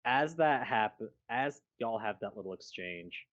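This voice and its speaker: A woman's voice: extremely low pitch, lively intonation, measured pace, dull audio. A woman running a tabletop game as game master, narrating casually among friends.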